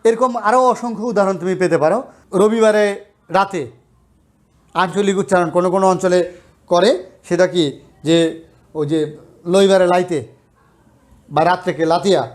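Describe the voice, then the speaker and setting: A man with a high, light voice teaches a grammar lesson. He explains patiently, step by step, and keeps asking his students rhetorical questions. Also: fairly even intonation, normal speed, pauses often. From Bangladesh. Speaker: college lecturer.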